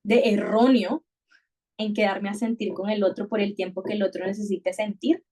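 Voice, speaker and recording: A woman speaks in a middle pitch on a conversational podcast. She sounds reflective and searching. She circles back on words and restarts phrases while thinking aloud. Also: fairly even intonation, moderate pace, dark tone. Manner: thoughtful, many restarts and repetitions.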